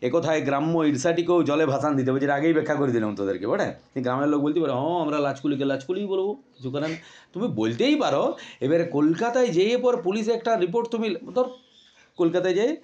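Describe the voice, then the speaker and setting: A man's voice: a little high, lively intonation, fast, darkish tone. A male teacher giving an informal lecture to his students, talking in a casual way with frequent restarts and fillers. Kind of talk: classroom lecture explaining a text. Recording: dull lo-fi sound.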